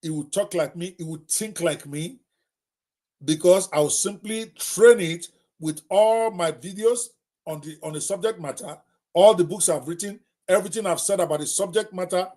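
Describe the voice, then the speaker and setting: A man's voice: high voice, normal speed, darkish tone. A middle-aged Nigerian man hosting a live talk, speaking emphatically and addressing viewers directly, often repeating himself. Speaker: host.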